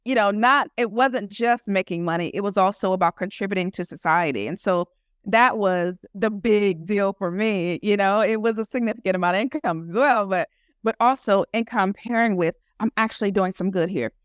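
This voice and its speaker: An American woman, a guest entrepreneur in a casual interview, speaks earnestly about her work, rambling and scattering "you know" throughout. Her mid-range voice is clear and resonant, at a normal pace. The studio-quality recording has no echo.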